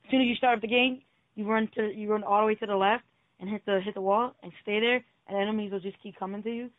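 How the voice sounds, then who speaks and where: A man's voice: sits high, fairly even intonation, fast talker, no echo. A young man in casual late-night game chat, laid-back and slangy. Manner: laid-back, slangy, fond of sound effects. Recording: tinny phone-like line, dry.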